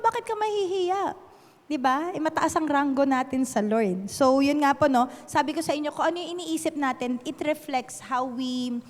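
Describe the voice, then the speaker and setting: A woman's voice: sits high, in a large hall. A young Filipino woman preaching a casual Taglish sermon, often asking "di ba?" and laughing lightly.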